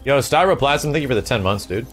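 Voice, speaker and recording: A man hosting a gaming channel, bantering and swearing excitedly while playing co-op and thanking viewers. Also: medium pitch, fast talker. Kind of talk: co-op gameplay commentary. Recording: voice over loud game music. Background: game music.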